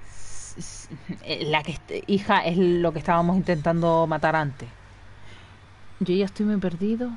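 A woman's voice: fairly low pitch, unhurried, a little hiss or hum. A woman chatting casually and swearing freely as she streams a video game. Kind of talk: casual live gameplay commentary.

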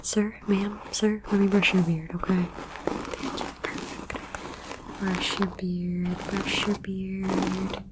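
A woman whispering through an ASMR roleplay, talking straight to the listener in soft, slow, repetitive soothing phrases with a playful touch. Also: mid-range voice, level tone, very noisy. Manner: playful, addresses the listener directly. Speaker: ASMR creator.

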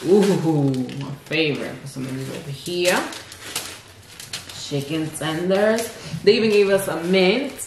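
A woman co-hosting a casual food vlog, talking excitedly to viewers and calling them y'all. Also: on the low side, normal speed, few pauses, roomy sound, slight background noise. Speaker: channel co-host. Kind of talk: casual mukbang vlog chat.

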